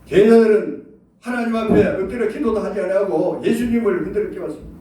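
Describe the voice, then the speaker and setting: A male pastor preaching a sermon, animated, acting out quoted prayers and leading the congregation to repeat after him. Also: sits high, fast talker. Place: church sanctuary. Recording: echoey church hall from far off.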